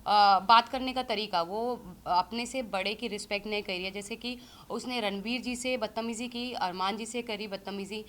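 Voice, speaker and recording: A woman in her thirties, an interview guest, giving critical views in a measured, hesitant way. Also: mid-range voice, a bit bright. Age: 30s. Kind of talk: casual interview talk.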